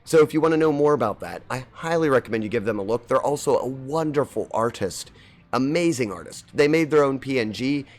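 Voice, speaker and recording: Talking a little fast in an expressive, medium-pitched voice, a man chats casually with viewers while streaming a game. His friendly, rambling talk includes greeting people in chat by name, and allergies leave his voice a touch scratchy.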